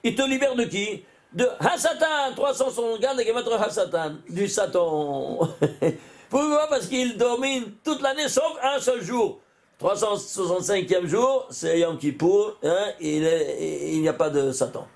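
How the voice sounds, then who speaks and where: A man, a rabbi, giving an animated Torah lesson, often exclaiming and putting questions to his listeners. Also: high-pitched, a little slow.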